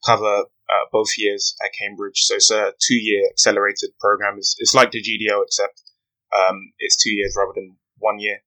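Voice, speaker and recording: Brief: young man, podcast guest, earnest and measured, lowish bright voice. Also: completely flat delivery, low-quality recording. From West London, UK. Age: 20s. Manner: earnest, measured storytelling with frequent "you know". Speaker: guest, aspiring barrister. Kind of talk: podcast interview.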